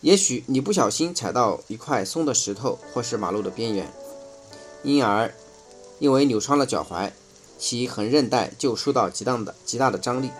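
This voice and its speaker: A man reading a first-person nonfiction book aloud in a measured, explanatory way. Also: mid-range voice, expressive, faint music behind. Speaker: audiobook reader.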